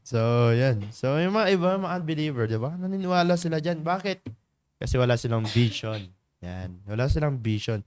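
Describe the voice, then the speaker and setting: A man hosting a morning church devotion livestream in a studio, chatty, laughing often and filling pauses. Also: medium pitch, lively intonation, a little mellow, a little hiss or hum. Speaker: devotion leader and livestream host. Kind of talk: casual livestream greetings and devotional talk.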